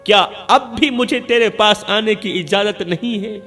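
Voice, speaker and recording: A woman's voice: medium pitch, fairly bright tone, long reverb tail, faint music behind, close to an everyday voice. A man voicing a grieving young woman who laments at her father's grave, in a sobbing storyteller's lament.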